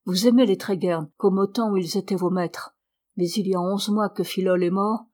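A woman's voice: mid-range voice, fairly even intonation, moderate pace, warm tone, lightly acted. Woman reading a sly village guy pushing his point, storybook. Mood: insistent. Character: sly provoking village man.

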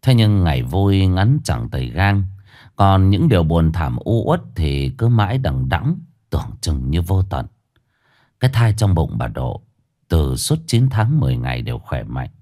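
A lively male storyteller with a low voice narrates a scripted horror story a little slowly, in a grave, dramatic manner. Faint music plays behind him.

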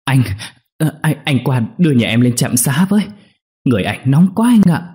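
A man's voice: fairly low pitch, fairly quick, mellow, breathy edge. A man voicing a frantic, tearful middle-aged village wife who pleads breathlessly. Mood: panicked.

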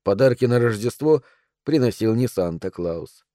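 A man reading a novel aloud in a calm, measured way. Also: mid-range voice, no echo, studio quality. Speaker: audiobook narrator.

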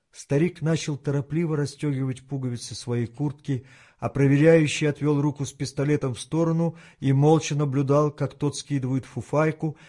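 A man reading a tense novel aloud as an audiobook narrator, with steady, dramatic storytelling. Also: mid-range voice. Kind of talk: scripted narration.

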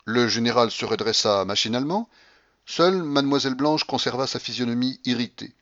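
Male audiobook narrator, measured and subdued; slightly muffled recording. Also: medium pitch, fairly bright tone.

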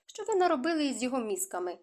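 A stern young nobleman speaks in short, gruff lines, dry and clipped. A woman with a somewhat high voice reads him aloud. It is an audiobook reading. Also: big pitch swings, racing, darkish tone. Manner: curt, gruff.

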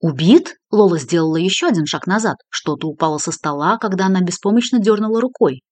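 A woman narrating a crime novel audiobook with brisk, expressive reading. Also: fairly low pitch, no echo. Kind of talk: scripted narration.

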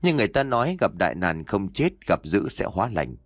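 Brief: man doing an old exorcist master, low voice, measured and instructive, dry close sound. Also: sing-song, dry recording. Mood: calm instructive. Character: old male exorcist master, calm and wise.

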